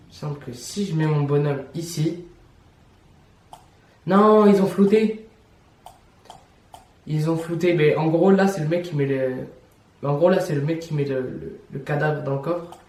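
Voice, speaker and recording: A man's voice: fairly high pitch, darkish tone, distant mic. A young man, chatting casually as he reacts to videos, laughing and repeating himself. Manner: chatty, laughs often, repeats phrases, slangy. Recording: roomy echo, voice set back from the mic.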